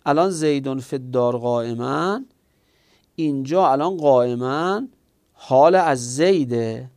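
A man's voice: medium pitch, a little mellow. A man teaching a grammar class, explaining step by step, asking himself questions and answering them, and speaking directly to his students.

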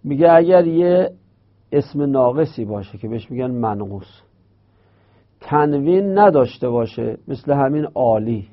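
A man's voice: medium pitch, gravelly. A man teaching Arabic grammar, explaining step by step and repeating and drawing out terms. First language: Persian. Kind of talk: explanatory lesson. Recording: dull lo-fi recording.

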